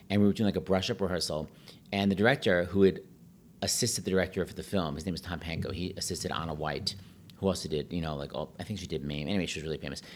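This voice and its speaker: A middle-aged man telling stories in a casual, animated chat, full of "like" and quick asides. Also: sits low. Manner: chatty, animated, peppered with "like".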